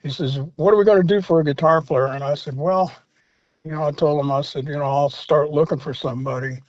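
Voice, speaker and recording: Older male guest, slightly high voice, rambling anecdotes, dull lo-fi dry sound. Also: fairly even intonation, brisk, darkish tone, no room sound. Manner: rambling anecdotes with many fillers and restarts. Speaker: interview guest, former rock singer. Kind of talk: storytelling in a casual interview.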